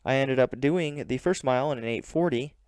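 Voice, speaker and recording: This male running vlogger gives an earnest, plain, measured account of his own training. His clean, smooth voice sits in the mid-range with a darkish tone. The sound is close and dry, with no echo and almost no room around it.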